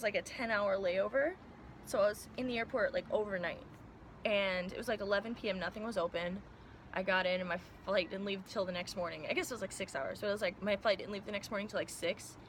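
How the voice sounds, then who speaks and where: A young woman from Iowa telling her story casually to the camera, animated and laughing often, acting out the voices of the people she quotes. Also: mid-range voice, a little hiss or hum. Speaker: vlogger.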